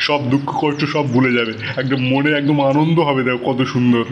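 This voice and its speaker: A man's voice: medium pitch, fairly even intonation, a little fast, highs cut off, a little hiss or hum, close to an everyday voice. A man playing a brash, pushy middle-aged man in a comic audio drama, hot-tempered and full of threats. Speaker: the daughter-in-law's father, a co-in-law.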